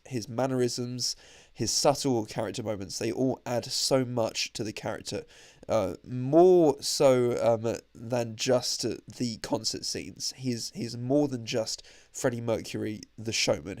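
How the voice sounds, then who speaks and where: A young man indoors at a holiday stay gives a chatty, enthusiastic podcast-style film review into his own microphone, using frequent fillers. His voice is mid-range and darkish, slightly nasal from allergies, and the recording is dry.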